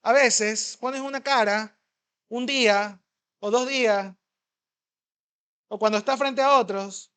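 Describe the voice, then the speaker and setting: A man preaching a sermon as pastor, emphatic and conversational, swinging between loud and soft and asking the congregation questions. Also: very high voice, clear, resonant tone. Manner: conversational, fast at times.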